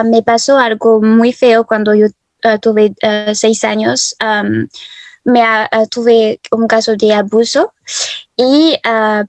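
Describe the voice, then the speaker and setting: A French woman in her twenties tells her personal story as an interview guest over a video call. She sounds hesitant, with plenty of fillers and soft laughs. Her voice is on the high side, with no echo.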